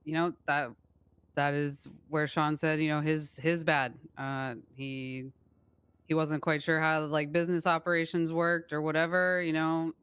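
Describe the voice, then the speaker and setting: Super clear voice, mid pitch, crime game roleplay, hesitant and placating while explaining stuff. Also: level tone, measured pace, fairly bright tone, no echo. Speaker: role-player as a gang member. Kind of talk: improvised role-play in an online crime game.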